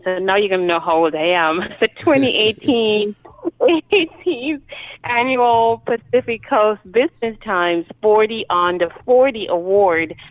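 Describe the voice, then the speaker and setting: A woman in her thirties from Jamaica with a Jamaican accent, a guest author giving earnest, measured interview answers. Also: fairly low pitch, dry recording, rough recording.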